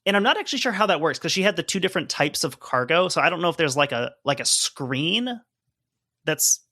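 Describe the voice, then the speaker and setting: A man with a bright, somewhat tense voice talks through a report in casual podcast chat, adding asides and fillers. His voice sits a little higher than most men's. The recording is dry and close. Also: big pitch swings, a little fast, dry recording. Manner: conversational, hedging with fillers while explaining. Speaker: podcast co-host.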